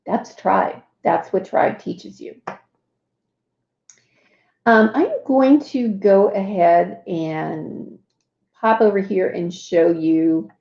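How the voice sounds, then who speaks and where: Woman, host, casual livestream walkthrough, unhurried, chatty with fillers, echoey room. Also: mid-range voice, creaky, a little mellow, dull audio. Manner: chatty, lots of fillers and asides.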